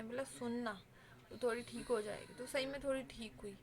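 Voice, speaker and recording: A woman's voice: a little high, fairly bright tone, slight background noise. A woman vlogger giving heartfelt advice straight to her viewers, earnest and pleading in a conversational way.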